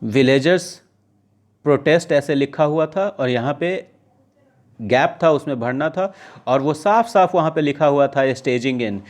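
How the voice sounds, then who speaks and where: A man teaches English vocabulary to exam students, reading news lines slowly and then explaining them conversationally with checking questions. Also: fairly high pitch. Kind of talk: casual classroom-style lesson, mixing Hindi and English.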